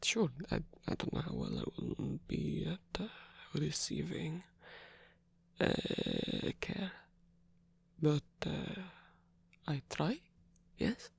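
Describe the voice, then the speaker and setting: In an intimate ASMR romance roleplay, a performer plays a tender male rock frontman who flirts but gets flustered, whispering huskily in a hesitant, halting way. The voice is mid-range with huge pitch swings and a heavily acted delivery, and the mood is flustered and bashful.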